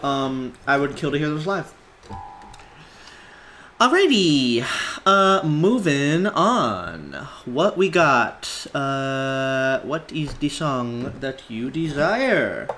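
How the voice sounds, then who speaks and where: A relaxed, unhurried streamer breaks down a song's melody on a live stream. They hum phrases on "da" and "ba" syllables to show the rhythm. They think aloud in a loose, casual way and answer viewer requests between examples. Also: mid-range voice, faint music behind. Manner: hums melodies on nonsense syllables to demonstrate. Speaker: music analysis streamer.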